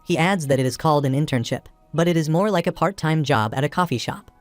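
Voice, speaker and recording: A man narrating a comic recap in a steady, even storytelling voice. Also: a little high, fast talker, dry recording. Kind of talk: scripted narration. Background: background music.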